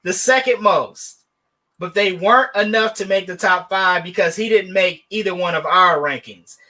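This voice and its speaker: High, bright-voiced man debating sports. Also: moderate pace. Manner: animated, joking, sarcastic asides. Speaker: podcast co-host. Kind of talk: casual sports debate chat.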